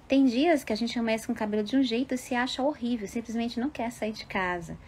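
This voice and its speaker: A woman giving advice to parents in an unhurried, explanatory monologue, often adding little tag questions. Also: on the high side, slight background noise.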